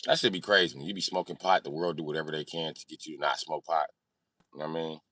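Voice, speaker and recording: In a very deep, pushed and bright voice, a livestream host rattles quickly through comments with fairly even intonation. He jokes around in a brash, slangy, heavily profane manner while reading and answering them. No room sound comes through.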